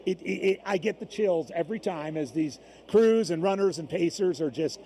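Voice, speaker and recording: A man's voice: on the high side, normal speed, warm tone. A man co-commentating conversationally on a live endurance race broadcast. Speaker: race co-commentator and former competitor. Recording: faint background noise from gym. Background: gym with runners gathering.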